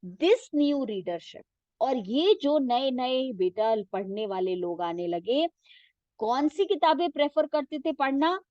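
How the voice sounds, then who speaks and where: Woman teacher, Indian English accent, slow and patient, fairly high voice, dry dull lo-fi recording. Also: animated, a little mellow, no room sound. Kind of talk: exam-focused class lesson.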